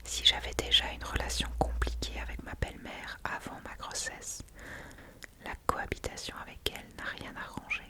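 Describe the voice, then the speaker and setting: A person reading a novel aloud in a soft, hushed ASMR whisper, like someone whispering in a library. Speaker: audiobook-style reader.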